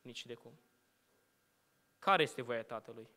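In a church hall full of long reverb, a young student preacher speaks his sermon into a lectern microphone at medium pitch. He keeps a measured rhetorical style, lifting his voice on questions and falling to hushed endings.

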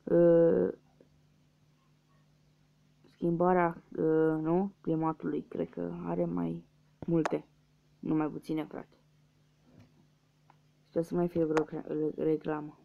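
A man's voice: a little high, completely flat delivery, creaky, pauses often. A young man from Romania giving casual let's-play commentary, muttering guesses and swearing at losses. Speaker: gaming youtuber. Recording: dull lo-fi mic with faint hiss.

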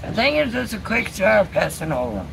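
Filmed outdoors by a tent in a backyard, this middle-aged camping vlogger talks casually and laughs between comments in a fairly quick, sing-song, medium-pitched voice with vocal fry. The background is noisy, and she's recorded by a distant camera on a stand, then a phone at arm's length.

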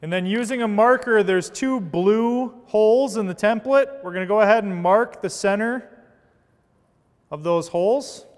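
A fairly high-pitched man in his thirties walks through an installation with steady, methodical instructions. His voice carries a long reverb from a large indoor workshop, picked up on a lapel mic. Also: normal speed. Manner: steady, methodical step-by-step explaining. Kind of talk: scripted how-to narration.

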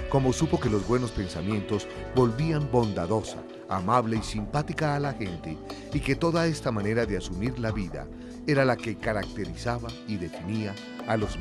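A man reading a scripted documentary narration in a measured, lofty storytelling manner. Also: fairly low pitch. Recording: voice-over with loud music behind. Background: music.

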